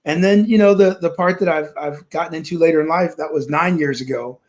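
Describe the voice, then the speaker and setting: A Kansas man in his forties tells his life story as a guest on a video-call interview from a room at home. His voice is fairly high and a little fast, and he sounds upbeat and optimistic while often restarting his sentences.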